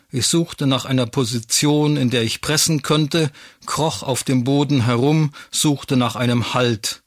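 A man's voice: medium pitch, fairly bright tone, no echo, clean studio sound, close to an everyday voice. A man reading as a young mother telling her birth story. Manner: earnest first-person telling. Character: young woman recalling giving birth. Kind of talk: read-aloud story.

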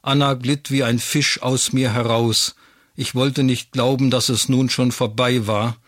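A young mother earnestly recounts her labor in the first person, as a man reads her lines in a story. The voice stays in a middling pitch, close to the mic in a dry room. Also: level tone, a little slow, a bit bright, no room sound. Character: young woman recalling giving birth. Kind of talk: read-aloud story.

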